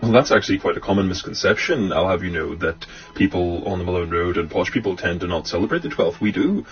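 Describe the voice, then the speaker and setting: A man talking in a pompous, snooty and indignant way. His voice sits a little low, and music plays clearly behind him. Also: lively intonation, fast talker, lo-fi sound. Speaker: comedian playing a posh prank caller. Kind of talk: character comedy sketch.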